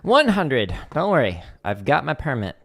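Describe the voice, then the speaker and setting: Between practice runs on a drum pad, a man who teaches drums casually talks to his livestream audience, packing in "like" fillers and counting tempos out loud. His mid-range, fairly bright voice has huge pitch swings at a moderate pace, with a little hiss or hum.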